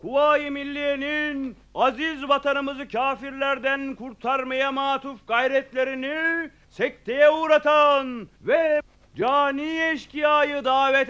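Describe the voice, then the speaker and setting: An actor playing a village town crier, making a slow, drawn-out, declamatory public proclamation. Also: male voice, very high-pitched, fairly bright tone, muffled recording, exaggerated voice. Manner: slow, declamatory, stretching words in short phrases.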